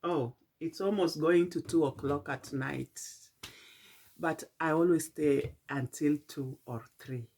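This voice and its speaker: A middle-aged Kenyan woman telling a late-night personal vlog in a tired, halting, reflective way, with many fillers and restarts. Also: deep voice, a little mellow. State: tired and yawning. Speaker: vlogger.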